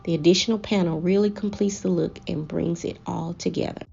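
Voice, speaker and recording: Low, creaky-voiced woman narrating a decor makeover. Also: fairly even intonation, brisk, dark tone, lo-fi sound. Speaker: home decor vlogger presenting a makeover. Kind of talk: scripted voice-over narration. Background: background music.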